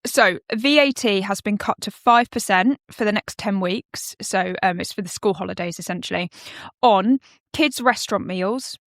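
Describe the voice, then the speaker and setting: British woman explaining tax, steady and dry. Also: mid-range voice, normal speed, dry recording. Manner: explanatory, steady, with frequent ums. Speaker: accountant explaining tax changes. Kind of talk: casual podcast discussion.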